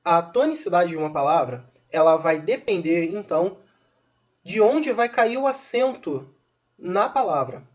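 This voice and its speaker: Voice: mid-range voice, animated, measured pace. A teacher, patiently explaining a recorded grammar lesson with informal asides to viewers. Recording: dull lo-fi recording.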